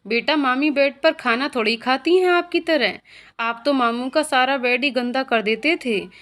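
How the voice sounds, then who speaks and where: A woman's voice: high-pitched, unhurried, fairly bright tone. A woman voicing an older sister and mother who speaks firmly but playfully. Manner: firm, coaxing.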